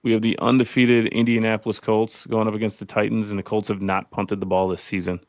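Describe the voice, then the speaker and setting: A man's voice: lowish voice, little pitch movement, quick pace, dry recording. A man hosting a casual sports podcast chat, rambling and jokey as he leads the rundown. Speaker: podcast host. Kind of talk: casual fantasy football chat.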